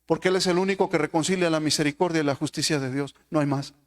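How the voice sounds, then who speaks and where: High-voiced man preaching a sermon. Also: fast. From Mexico. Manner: preaching with rhetorical questions to the congregation.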